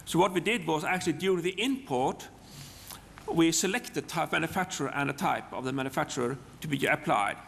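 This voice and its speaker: A man with a Norwegian accent, a native Norwegian speaker giving a technical software demonstration, haltingly, often repeating words and restarting. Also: on the high side, gravelly, a little hiss or hum. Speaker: software presenter. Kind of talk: live technical demonstration talk. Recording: long hall reverb.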